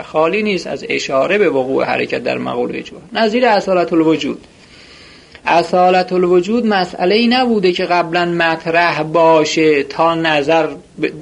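A man's voice: on the high side, vocal fry. A man teaching a seminary-style philosophy lesson, reading short Arabic phrases and then explaining them in everyday speech, asking and answering his own questions.

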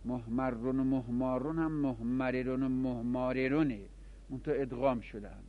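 A man's voice: medium pitch, fairly even intonation. A man teaching a classroom grammar lesson, explaining step by step and answering his own questions. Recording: dull lo-fi recording.

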